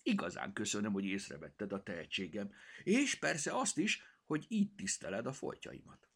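A vain, touchy house cat, played by a male narrator drawls its lines with pompous mock drama. The voice leaps up high and swoops around widely, with a husky texture. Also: huge pitch swings, fairly bright tone, full character voice.

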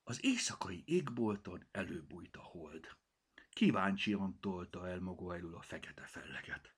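A man narrating a children's story, often in a hushed, half-whispered way. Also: low voice, animated, slightly rough.

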